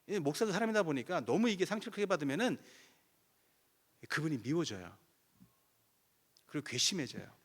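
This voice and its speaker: Male guest pastor, revival sermon, lively and wide-ranging delivery, plays both voices in his stories. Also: mid-range voice. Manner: animated storytelling, acting out both sides of conversations. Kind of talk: sermon with acted prayer dialogue.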